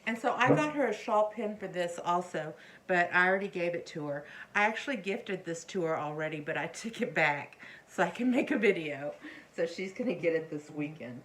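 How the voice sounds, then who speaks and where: A woman's voice: on the low side, lively intonation, a little fast, a bit bright. A middle-aged woman casually showing her things to camera as a vlogger, speaking hesitantly and often trailing off or correcting herself. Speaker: crochet vlogger. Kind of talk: casual rambling show-and-tell to camera. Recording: faint background noise, occasional chair creaks.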